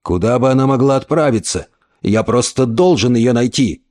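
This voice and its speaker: A man voicing a big, loud, desperate older man who speaks hoarsely, half sobbing. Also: medium pitch, animated, moderate pace, close to an everyday voice.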